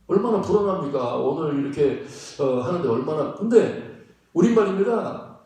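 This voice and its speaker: A male pastor delivers a sermon in a high voice, talking to his congregation in an emphatic, conversational way and asking them questions again and again. His voice rings through a very echoey church sanctuary, picked up from a distance. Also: dark tone. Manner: emphatic, conversational preaching with frequent rhetorical questions and laughs.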